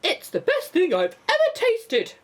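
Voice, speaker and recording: A woman's voice: very high-pitched, huge pitch swings, a little slow, voice pushed up, heavily acted. A woman doing a barking grumpy grasshopper. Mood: delighted. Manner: barking, indignant. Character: grumpy loud male grasshopper.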